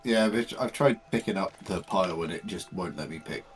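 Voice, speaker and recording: A man's voice: low voice, brisk. A man chatting casually as a tabletop game player, describing what his character does, over music.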